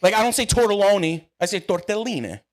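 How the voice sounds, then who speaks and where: An Italian-American podcast co-host from the United States talks fast in a high, animated voice. The chat is casual but argumentative, and he swears offhandedly and laughs a lot.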